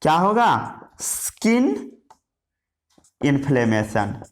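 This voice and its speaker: Very slow and sing-song, a man with a fairly high voice delivers a science lesson in Hindi with English vocabulary. He questions and answers himself, writing and repeating key words as he goes.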